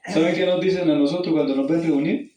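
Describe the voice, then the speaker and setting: A man preaching an evangelistic sermon. He tells a personal story, calls his listeners brother and asks them questions, and he goes from hushed and low to loud and high when he reads the scripture. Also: steady tone, fast. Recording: roomy, distant mic.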